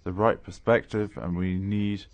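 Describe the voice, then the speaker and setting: Low-voiced guy doing live interpreting, halting, lots of uh and restarts. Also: flat delivery, darkish tone. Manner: measured delivery with frequent hesitations and restarts. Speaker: conference interpreter. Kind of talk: simultaneous interpretation into English.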